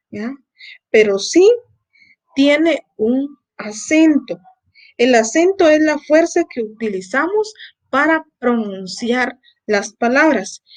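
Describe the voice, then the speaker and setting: A woman teacher giving a patient recorded lesson, explaining step by step and checking understanding with short tag questions. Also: fairly high pitch.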